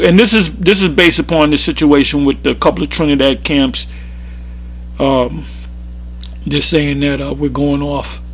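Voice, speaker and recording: A religious teacher gives an informal, rambling sermon, often restarting his sentences and leaning on fillers. His voice is on the high side, with slight background noise.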